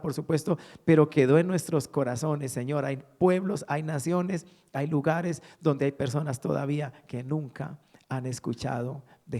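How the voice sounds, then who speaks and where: Gravelly emotional pastor preaching. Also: male voice, on the high side, dark tone. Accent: Colombian Spanish. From Colombia. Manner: emotional storytelling, acts out quoted dialogue. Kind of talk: sermon testimony.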